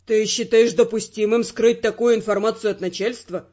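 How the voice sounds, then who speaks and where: A woman's voice: a little high, fairly even intonation, moderate pace, mellow, lo-fi sound, voice pushed down, natural voice. A woman voicing a wry, persistent young male secret agent who argues his point evenly. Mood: reasoning.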